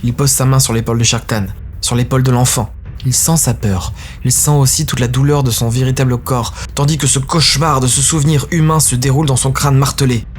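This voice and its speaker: A man narrating a dark science-fiction audio story in a grave, intense manner. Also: medium pitch, fairly even intonation, brisk, a little hiss or hum.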